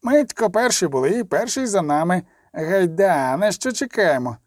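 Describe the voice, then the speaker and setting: A man's voice: sits high, animated, normal speed, no echo, studio quality. A man doing a brash wiry thug. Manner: pushy and brash. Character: short wiry tousled male thug.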